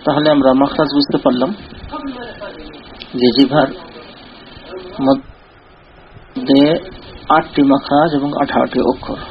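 A man giving a recorded lesson, explaining step by step in a slow, deliberate way and repeating short drilled syllables over and over. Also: medium pitch, fairly even intonation, creaky. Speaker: teacher. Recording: dull lo-fi recording.

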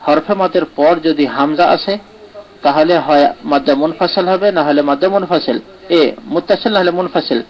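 Male teacher, slightly higher voice, patient step-by-step explainer, keeps asking "right?". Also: muffled recording. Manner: explanatory, checks in with "right?" often. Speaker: Quran recitation teacher. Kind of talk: live online lesson answering comments.

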